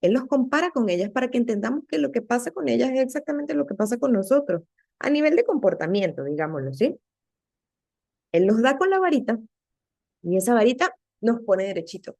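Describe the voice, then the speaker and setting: A woman giving an earnest, conversational devotional talk to other women, often checking in with quick rhetorical questions. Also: on the high side, sing-song, vocal fry, a little mellow. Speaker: women's ministry teacher.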